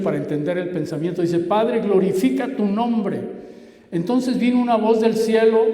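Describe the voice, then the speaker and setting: A man preaching a sermon as pastor, swinging between loud emphasis and hushed asides. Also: high voice. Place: church hall. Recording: echoey church hall.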